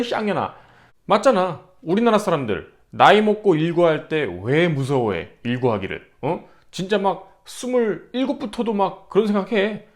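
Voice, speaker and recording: A man in his thirties talking casually to camera, brash and profane, acting out the people in his stories. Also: high-pitched. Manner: brash, profane, acts out quotes. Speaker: vlogger. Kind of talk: casual storytelling monologue.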